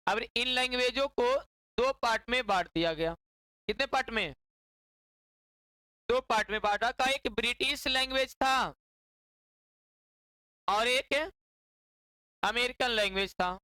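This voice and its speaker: Bright, crisp woman teacher. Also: a little high, unhurried, pauses often, dry recording, low-quality recording. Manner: repeats key words, quizzes the class with constant questions. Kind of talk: classroom lecture. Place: classroom with students.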